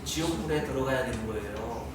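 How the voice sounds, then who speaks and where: A man preaching a sermon as pastor, lively and teasing his congregation with questions. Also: mid-range voice, a little fast, noisy background. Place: large church hall. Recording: very echoey hall, mic far off.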